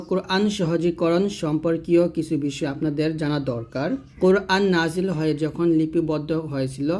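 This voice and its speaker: Man slowly drilling tajweed letter sounds. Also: a little high, a little mellow. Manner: patient, repeats letters slowly and drills pronunciation. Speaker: Quran tajweed teacher. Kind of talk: online tajweed lesson.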